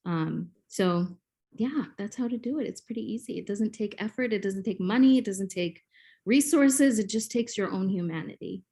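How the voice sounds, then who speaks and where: She's a native Swahili speaker from Kenya, in her forties, appearing as a guest on a podcast. Her voice is medium in pitch with a dark tone, at a moderate pace, and she explains things teacher-style with lots of ums.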